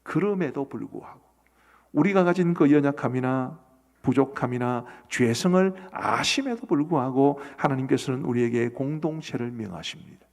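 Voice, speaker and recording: A man's voice: medium pitch, lively intonation, normal speed, darkish tone. A middle-aged man preaching a sermon as pastor, earnestly asking his congregation questions. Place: church sanctuary. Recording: long church hall reverb.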